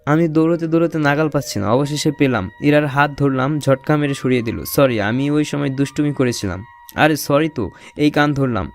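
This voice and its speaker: A young man, the narrator and lead voice actor, tells an audio romance story in the first person with a playful, teasing manner. His voice sits a little high and his pace is moderate.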